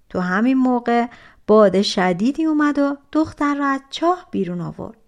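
Soft-spoken woman telling a fairy tale. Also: on the high side. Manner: expressive, soft-spoken storytelling. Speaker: audiobook narrator. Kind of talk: storybook narration.

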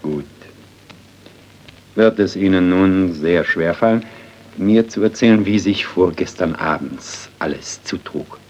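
An actor playing a calm male investigator who asks measured, probing questions, in 1930s radio-drama acting. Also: low-pitched. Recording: dull, hissy 1930s radio recording.

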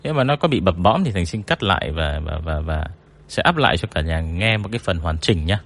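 A man hosting a storytelling livestream in casual chat, reading viewer comments aloud and joking about himself in a deep, low voice. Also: animated, a little fast, fairly bright tone.

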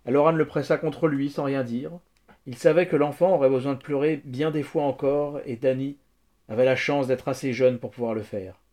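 A man reading a novel aloud, calm and measured, as a scripted narration. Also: medium pitch. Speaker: audiobook narrator.

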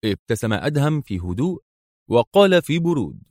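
A man narrating a spy story aloud in an expressive, dramatic audiobook style. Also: medium pitch, brisk, dry recording, clean studio sound.

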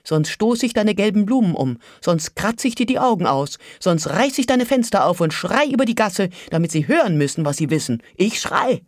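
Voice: mid-range voice, sing-song, normal speed, few pauses, dry recording, studio quality, close to an everyday voice. Desperate young woman, voiced by a reader, defiant, raised voice, story reading. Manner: rising, threatening outburst.

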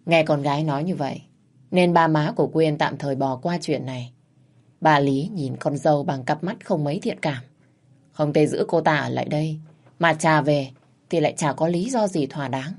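A woman narrating a dramatic family story in a steady, measured way. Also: low-pitched.

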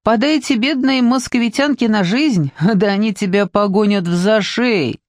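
A reader voicing Svetlana, a blunt, breezy friend who gives brisk, teasing advice in an audiobook. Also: mid-range voice, no echo, studio quality, voice pushed up, lightly acted. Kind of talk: audiobook reading.

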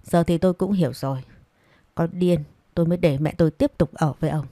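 A woman's voice: low-pitched, a little fast, dark tone, no echo, natural voice. A woman voicing a defiant, indignant young adult daughter who speaks cuttingly.

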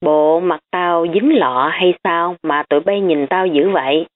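Woman reading a defensive rich girl, sharp tongue; low voice, phone-like line. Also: a little slow, natural voice. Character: rich girl hiding her wealth, defensive. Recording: tinny phone-like audio.

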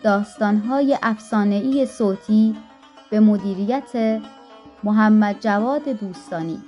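Mellow woman telling a folktale. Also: medium pitch, soft background music. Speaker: audiobook narrator. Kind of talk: folktale storytelling.

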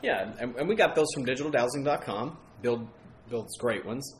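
A man's voice: mid-range voice, expressive, moderate pace, slight background noise. A man hosting a casual paranormal investigation talk show, rambling and chatty, often correcting himself. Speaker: paranormal podcast host. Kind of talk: casual chat.

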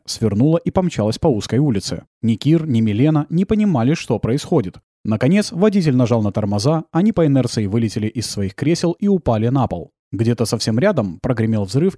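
A man narrating an adventure audiobook with expressive storytelling. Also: medium pitch, no echo, studio quality.

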